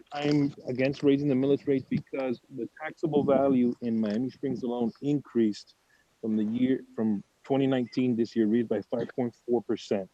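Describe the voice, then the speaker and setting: A man's voice: mid-range voice, dark tone. A man calling in over a video call line to make a prepared public comment, methodically reciting figure after figure in an earnest tone. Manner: earnest, methodical, lists numbers one after another. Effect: heard over a video call line. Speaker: caller speaking at public comment. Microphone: video call app. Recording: dull lo-fi call audio, dry.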